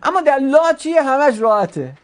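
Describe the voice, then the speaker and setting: A woman's voice: high-pitched, very animated. A woman teaching an Arabic grammar class, patiently explaining step by step with examples. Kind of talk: online class, explaining verb conjugation.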